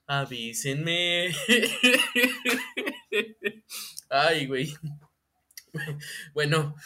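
A man with a Mexican accent co-hosting a casual comedy chat, swearing and laughing often. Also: fairly high pitch. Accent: Mexican Spanish. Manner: animated, profane, laughing often. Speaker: podcast co-host.

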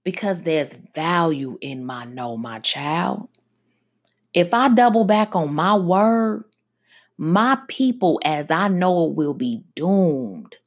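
A woman voicing God as a solemn father, speaking low, grave and firm to his son. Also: animated, takes it slowly, heavily acted.

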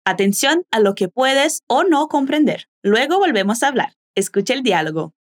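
A woman hosting a language lesson, slowly and carefully modeling phrases for listeners to repeat. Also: on the high side, expressive. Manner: slow, careful modeling of pronunciation. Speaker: language teacher and host. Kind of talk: language lesson with repetition drills.

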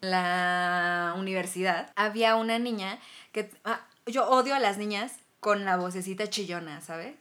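A woman chatting casually, blunt and animated, with a posh, upper-class-sounding way of talking. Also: medium pitch, unhurried. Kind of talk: casual chat.

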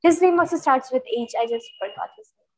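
A woman co-hosting a casual book discussion, retelling chapters in an animated, stuttering way with frequent laughs. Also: high-pitched, fast, dry recording, poor audio. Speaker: book club co-host.

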